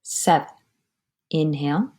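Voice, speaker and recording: A woman guides a breathing meditation in a fairly low voice. She speaks very slowly and calmly, in measured phrases. Her words often soften into a breathy near-whisper. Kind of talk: guided breathing meditation, slow instruction and counting.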